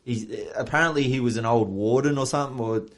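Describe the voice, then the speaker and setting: A man's voice: medium pitch, a little fast. An Australian man from Wollongong telling a long rambling story on a podcast, swearing freely and laughing as he goes. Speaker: podcast co-host. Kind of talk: casual storytelling.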